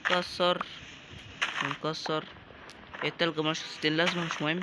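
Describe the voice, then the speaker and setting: A man's voice: fairly high pitch, flat delivery, moderate pace, very noisy. A young man with an Egyptian Arabic accent, giving joking, chatty let's-play commentary and talking to the game's characters. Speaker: gaming YouTuber.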